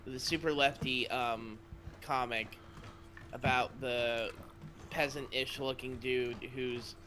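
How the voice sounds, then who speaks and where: A man from the United States joins a let's-play stream through a voice chat line. He talks bluntly and swears freely. His line carries clear background noise. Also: mid-range voice, fairly even intonation, slow, bright, forceful tone. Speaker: co-host of a game stream. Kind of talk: casual gaming chat.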